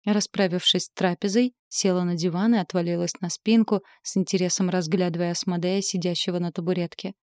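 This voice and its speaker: A woman reading a first-person fantasy story aloud with a steady, even delivery. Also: fairly low pitch, brisk, hardly any pauses, no echo, clean studio sound. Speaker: audiobook narrator.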